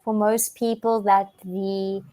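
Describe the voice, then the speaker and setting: A young South African woman, an online English tutor, chats casually over a video call in a warm, level, mid-range voice. She's friendly and explains slowly, often restarting and using fillers during this conversation lesson.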